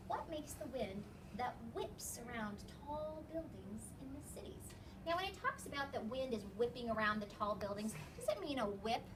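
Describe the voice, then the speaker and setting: An elementary school teacher with a slightly high, very animated voice reads to a class of young children at an ordinary pace, explaining along the way. She checks in with questions and frequent "okay"s, captured by a distant mic amid classroom noise.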